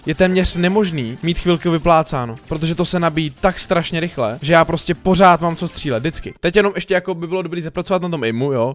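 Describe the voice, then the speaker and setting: A man hosting a gaming channel, giving chatty, excitable gameplay commentary that he addresses straight to his viewers. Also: fairly high pitch. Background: faint background music.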